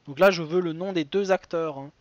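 A man's voice: a little high, no room sound, muffled recording. A man hosting a live web quiz show, chatty and digressive, reading questions and wandering into side stories with many fillers.

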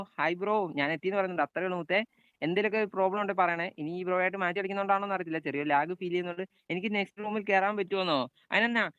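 A man's voice: high-pitched, sharp tone, smooth, dry recording, highs cut off. A young man with a Malayali accent streaming a football video game live, calling out plays and greeting viewers by name. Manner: chatty, calls out passes and greets viewers by name.

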